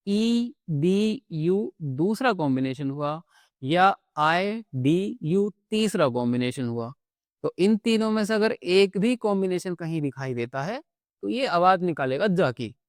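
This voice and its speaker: A man teaching phonics in a patient classroom manner, pausing often to check in before he moves on. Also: high-pitched, animated, smooth, no echo, studio quality. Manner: patient, repeats "theek hai" between points. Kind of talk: classroom-style phonics lesson.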